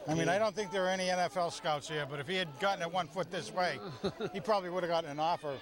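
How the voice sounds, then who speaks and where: Folksy high-voiced male color commentator. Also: fairly even intonation, very fast. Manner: folksy, joking analysis. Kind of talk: high school football radio commentary.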